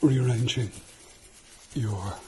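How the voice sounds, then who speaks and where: British guy doing asmr ASMR role-play, soft and reassuring, keeps repeating instructions, mid pitch, bit of background noise. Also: very slow. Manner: soft-spoken, slipping into speaks softly, instructing and reassuring.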